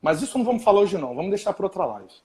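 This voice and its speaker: A man's voice: high voice, racing. A man, a doctor, telling stories and agreeing eagerly in a live-stream conversation. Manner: animated, storytelling, agreeable. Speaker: physician and lecturer.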